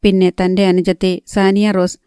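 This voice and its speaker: A woman narrating a novel in a calm, even storytelling manner. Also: mid-range voice, moderate pace, clear, resonant tone, no echo, clean studio sound. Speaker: audiobook narrator.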